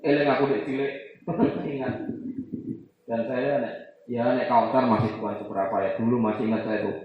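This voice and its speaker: A man's voice: medium pitch, normal speed, a little hiss or hum. A man with a Javanese accent gives a loose, chatty religious talk, breaking into Javanese and mimicking voices. He sounds far from the mic in a very echoey room, and the sound is dull and muffled. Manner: lively, mixes Javanese asides, imitates voices. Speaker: Islamic teacher. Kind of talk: casual religious lecture. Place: large room at a boarding school.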